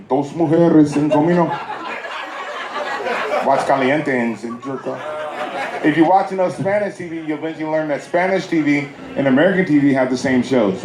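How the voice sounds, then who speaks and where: A man from Southern California performing a stand-up comedy set at a private party, telling loose stories with playful asides to the audience. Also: fairly high pitch. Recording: echoey bootleg with loud crowd and noise.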